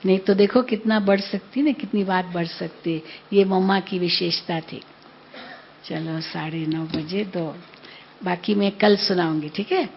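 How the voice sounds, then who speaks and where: An older woman in her seventies gives a spiritual class, telling stories in a gentle, very slow way and pausing to check that her listeners follow. The recording is dull and lo-fi. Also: fairly low pitch, steady tone, slight background noise. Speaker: spiritual teacher.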